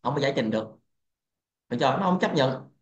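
A man's voice: medium pitch, lively intonation, quick pace. Brief: male crypto host, crude and lecturing, roomy echo, dull lo-fi audio. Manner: blunt, profane, lecturing. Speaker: crypto trading channel host. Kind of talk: casual livestream rant. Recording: echoey, dull lo-fi sound.

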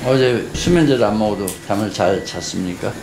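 A man's voice: on the low side, very fast. A man speaking as a clinician, putting questions to a patient and giving explanations. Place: small clinic room, indoors. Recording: roomy clinic with clear background noise.

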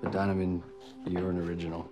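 In this film drama scene, backed by soundtrack music, an actor in his thirties plays a sincere young playwright confessing his love into a microphone at a cozy coffee shop. He speaks fast and heartfelt in a low, natural, monotone voice.

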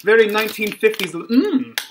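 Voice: mid-range voice, lively intonation, moderate pace. A snack reviewer talking through a costume mask, casually rambling with jokey, self-mocking asides while tasting a treat. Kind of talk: casual food review vlog. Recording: clear background noise.

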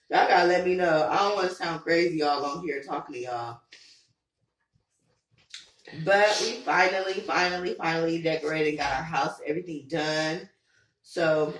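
A woman hosting a casual vlog, hoarse from being sick, chatty and full of questions for her viewers. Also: low voice. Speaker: vlog host. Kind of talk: casual chat. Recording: roomy echo, from far off the mic, faint noise.

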